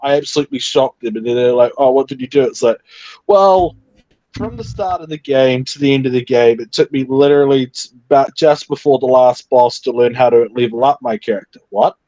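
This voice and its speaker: A man's voice: mid-range voice, fairly quick, mellow, no room sound. A man in casual chat on a stream call, rambling with lots of "like", his voice muffled as if underwater through his mic. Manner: rambling, full of fillers like "like". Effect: muffled, underwater-sounding mic. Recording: dull muffled lo-fi mic audio.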